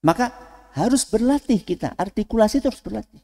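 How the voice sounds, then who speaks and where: A man preaching to students in a lively way, asking the audience questions and then answering them himself. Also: high-pitched, quick pace, vocal fry. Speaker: Islamic preacher. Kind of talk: lecture to students. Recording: long hall reverb.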